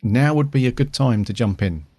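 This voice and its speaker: A man's voice: medium pitch, animated, normal speed, a little mellow, dry recording. A man chatting casually as a podcast host. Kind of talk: casual chat.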